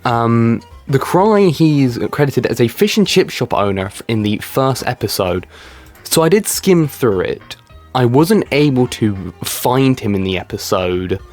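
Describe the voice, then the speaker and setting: A man's voice: medium pitch, lively intonation, measured pace, a little mellow, faint music behind. A young man from Britain giving casual, sarcastic commentary as he reads comments aloud and mocks what he finds. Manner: sarcastic, mocking, swears freely. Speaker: YouTube commentary creator.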